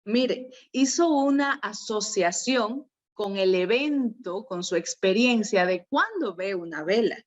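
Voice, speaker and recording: A woman with an Ecuadorian Spanish accent leading a virtual workshop, lively and often questioning her audience. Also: medium pitch, takes it slowly, hardly any pauses. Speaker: workshop leader. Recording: dull lo-fi online call audio.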